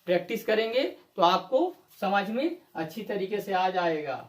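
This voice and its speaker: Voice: mid-range voice, animated, normal speed. An English teacher giving a video lesson, repeating each rule and asking the viewer rhetorical questions before answering them. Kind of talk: classroom-style video lesson. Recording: echoey room.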